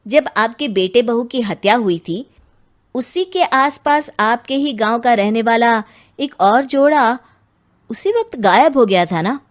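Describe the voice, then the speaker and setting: A woman with a voice on the high side, expressive and measured in pace, performs a dutiful male police inspector in Hindi cartoon voice acting. She has him ask sincere, polite questions, addressing others as sir.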